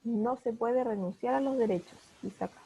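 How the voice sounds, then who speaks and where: Woman teacher, mellow and breathy, patient step-by-step explainer, on a muffled video call. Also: a little high, normal speed. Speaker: primary school teacher. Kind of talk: online class explanation.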